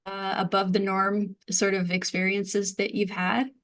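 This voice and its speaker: A woman's voice: mid-range voice, monotone, measured pace, fairly bright tone. A woman conducting a conversational interview as the interviewer.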